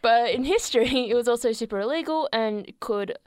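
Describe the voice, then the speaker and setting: A young Australian woman co-hosting a radio show in a studio, chatting casually with a playful, sarcastic humour and quick laughs. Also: fairly high pitch, clear, resonant tone, dry recording. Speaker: radio co-host.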